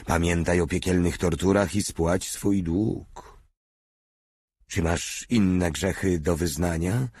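A man's voice: low voice, slow, a little mellow, husky, no echo, heavily acted. A man voicing a stern, scheming veteran legionnaire who speaks in a solemn, preaching tone, read as an audiobook character.

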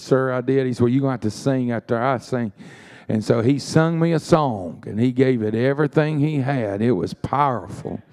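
A man preaching a sermon in a church. His voice is dark and mellow at a middling pitch. He tells folksy stories and sprinkles in frequent amens. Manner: folksy storytelling with frequent "amen"s.

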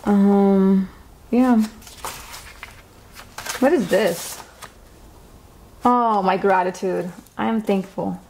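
A woman's voice: medium pitch, steady tone, extremely slow, long pauses, a little mellow. A woman in her twenties bantering in a laid-back, teasing way during a home vlog in an apartment. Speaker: vlogger, co-host. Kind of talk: casual chat. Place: small apartment, indoors.

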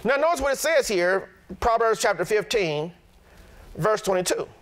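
High-voiced middle-aged pastor, preaching blunt and lively, swings his pitch all over. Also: normal speed. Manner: animated preaching, plain-spoken and blunt. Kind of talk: sermon.

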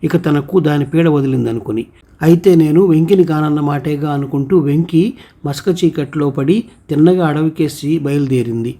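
A man narrating a folk tale in a steady storytelling manner, voicing the characters' lines himself. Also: fairly high pitch, moderate pace. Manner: steady storytelling with voiced quotes.

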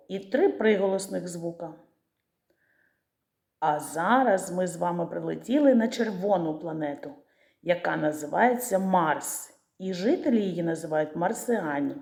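A woman teacher leads young children through a literacy lesson, drawing each word out syllable by syllable. Her voice is mellow and unhurried. The recording carries a roomy echo. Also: on the low side, animated, gravelly. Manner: slow, syllable-stretching pronunciation of words. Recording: echoey room.

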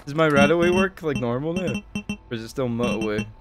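A man streaming a game live, exasperated and swearing, with bursts of yelling between muttered commentary. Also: medium pitch, lively intonation, fairly quick, over music. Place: home desk.

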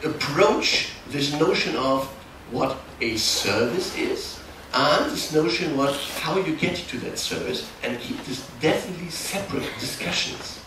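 With a fairly high pitch and lively intonation, a middle-aged man with a German accent explains technical material in a halting, self-correcting manner at a workshop. He is a conference speaker from Germany near the Dutch border, talking in a large, darkened hall. The distant camera mic yields an echoey recording with background noise.

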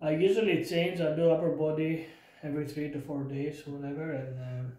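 On a low-quality recording, a fairly high-voiced fitness vlogger in his thirties narrates workout footage at a moderate pace from a small room in his home. Relaxed and straightforward, he fills his speech with fillers and restarts, sounding tired from lack of sleep.

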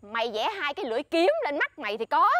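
A bossy, boastful flirt. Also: female voice, high voice, sing-song, fast talker, sharp tone, no room sound, full character voice. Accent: Southern Vietnamese. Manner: bossy, showy, lectures her friend. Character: boastful scheming woman friend, flirty. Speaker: actress in a comedy sketch.

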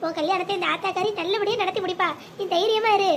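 A devoted cartoon mother, anxious yet tender, coaxing her child with endearments, voiced by a woman. Her voice is very high and brisk. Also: steady tone, fairly bright tone, a little hiss or hum. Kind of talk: animated family drama voicing.

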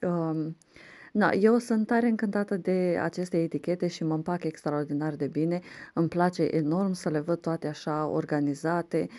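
This home vlogger, a young woman, rambles through a casual voice-over about tidying and organizing her kitchen, with plenty of fillers and false starts. Her voice sits on the low side, dark and steady in tone.

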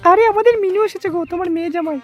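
A woman doing a sharp-tongued old mother-in-law. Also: very high-pitched, racing, muffled recording. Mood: scolding. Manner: scolding, nagging.

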